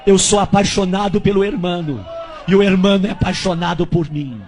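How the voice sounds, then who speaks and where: A man voicing the Holy Spirit, who speaks slowly and intimately in his ear. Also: sits high, a little mellow, voice pushed down. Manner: slow, intimate.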